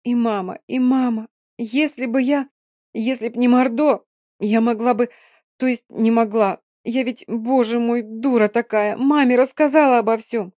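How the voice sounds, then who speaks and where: A woman reading an audiobook, voicing a young Roma woman who is hoarse from crying, guilt-ridden and speaking in broken, halting bursts. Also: fairly low pitch, no echo, studio quality, lightly acted. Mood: anguished. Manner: broken, halting, rising in anguish.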